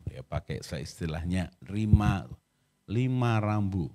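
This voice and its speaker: A man giving a family teaching talk, slow and emphatic, repeating his key phrases. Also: deep voice, animated, mellow.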